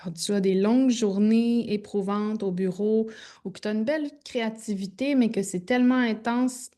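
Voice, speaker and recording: A woman teaches a gentle yoga class, giving soft, informal cues with pauses as she demonstrates. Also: medium pitch. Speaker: yoga instructor.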